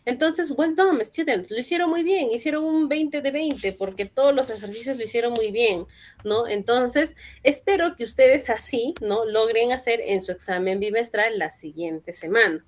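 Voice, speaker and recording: A woman's voice: on the high side, moderate pace. A woman English teacher, patiently explaining grammar in a classroom lesson and often checking with short tag questions.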